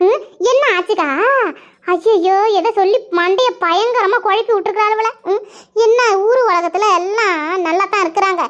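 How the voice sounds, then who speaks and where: Brief: woman playing a worried cartoon neighbor, high and shrill, coaxing, on a dull lo-fi track. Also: moderate pace. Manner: coaxing, fussing, exclaiming. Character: concerned young village woman neighbor. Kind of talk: cartoon voice acting. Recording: muffled lo-fi recording.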